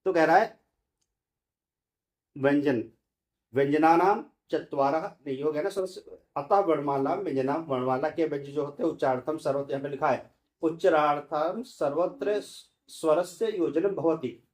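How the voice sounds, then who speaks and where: A man's voice: a little high, normal speed, a little mellow. A male teacher giving a lesson, explaining each point step by step and asking and answering his own questions. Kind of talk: classroom lesson explaining grammar.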